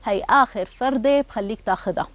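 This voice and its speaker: A woman's voice: on the high side, quick pace, dry recording, lightly acted. A woman voicing a harried, complaining housewife, in a radio story. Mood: exasperated. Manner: sharp, complaining. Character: harried housewife and mother, fed up.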